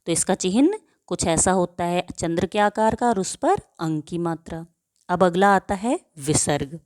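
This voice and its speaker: A woman teaching young pupils at a slow, careful pace, with a fairly low voice. She asks a question and answers it herself, and she stretches out example words so they can be heard clearly. The recording is dry and close. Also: lively intonation, a little mellow, no echo. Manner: drawls example words to show how they sound. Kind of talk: grade-school grammar lesson.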